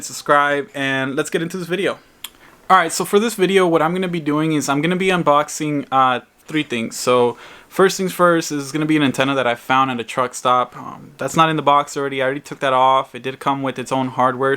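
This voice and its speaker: A vlogger chats casually with his viewers during an unboxing, explaining things plainly and informally. His voice is fairly high-pitched, bright and forceful. The recording is clear, with background noise and crinkling packaging.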